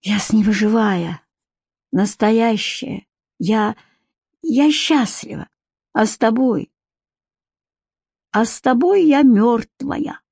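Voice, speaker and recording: A woman voicing a desperate young wife who pleads and shouts in defiance, raised in pitch. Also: slow, gravelly, pauses often, breathy edge, dry recording, studio quality, full character voice. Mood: defiant.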